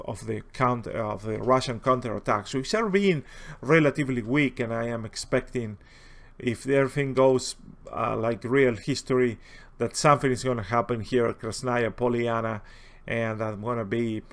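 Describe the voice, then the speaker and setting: A native Spanish speaker with a heavy accent, a video host and war-gaming enthusiast, offers casual, unscripted commentary. He sounds hesitant, rambling and halting, with a medium-pitched, fairly bright voice.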